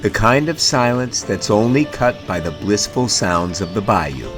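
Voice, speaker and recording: Male narrator, scripted nature-documentary travel voice-over over clear background music. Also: lowish voice, a little slow.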